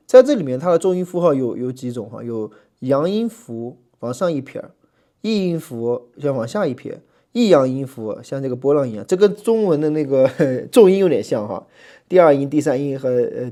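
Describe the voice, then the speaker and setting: A man gives a relaxed Greek lesson in a warm, darker voice at a middling pitch. He talks in a chatty way, full of little fillers, and drags out letters and syllables when he spells them for his students. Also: normal speed. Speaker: Greek language teacher. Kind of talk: relaxed classroom lecture.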